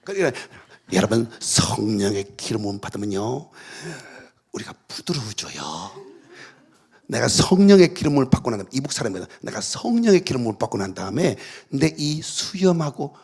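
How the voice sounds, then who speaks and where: Gravelly, animated preacher man. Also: mid-range voice, brisk. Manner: animated storytelling, shouted decrees and playful mimicry. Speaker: pastor. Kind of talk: revival meeting sermon. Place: church hall.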